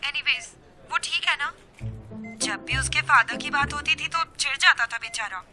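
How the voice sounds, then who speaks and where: A gushing young woman on a phone call, voiced by a woman, high-pitched and slow. She mixes English phrases into her speech, and music plays clearly behind her.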